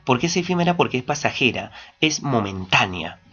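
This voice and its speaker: A man from Ayacucho with a Peruvian Spanish accent, teaching a class. He asks rhetorical questions, answers them himself and stretches key words slowly for emphasis. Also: mid-range voice, very animated, a bit bright, breathy edge. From Peru. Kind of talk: classroom lecture. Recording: dull lo-fi recording.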